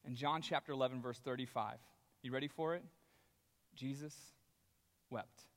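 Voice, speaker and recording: A man preaching a sermon as a pastor, telling the story in a conversational, animated way. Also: mid-range voice, quick pace. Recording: long reverb of a large hall.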